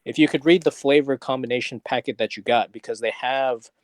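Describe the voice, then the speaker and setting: A man co-hosting a casual podcast chat, with a dry, deadpan manner and rambling explanations. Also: medium pitch, fairly quick, no room sound. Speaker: podcast co-host.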